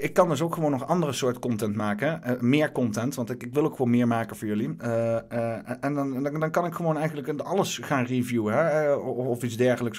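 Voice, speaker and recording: A man hosting his own stream, giving casual, rambling commentary on the news, full of fillers and restarts. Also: medium pitch. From Netherlands. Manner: halting, many fillers and restarts.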